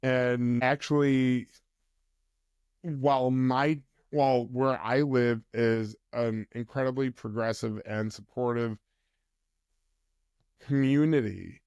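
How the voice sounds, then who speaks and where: A man speaking as a mental health counsellor guest on a podcast, explaining in a measured way. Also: mid-range voice, a little mellow, clear, resonant tone, dry recording, studio quality. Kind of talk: podcast interview conversation.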